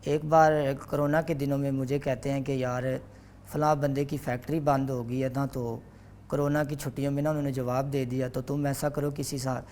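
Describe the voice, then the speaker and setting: Young male guest mimic, relaxed storyteller, middle pitch. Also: slight background noise. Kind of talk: casual interview chat.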